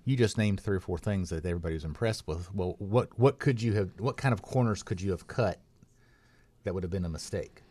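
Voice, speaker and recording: A man with a low voice hosts a casual interview. His questions wander, and he trips over fillers and restarts before he gets to the point. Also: a little fast, darkish tone. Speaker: host. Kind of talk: conversational interview.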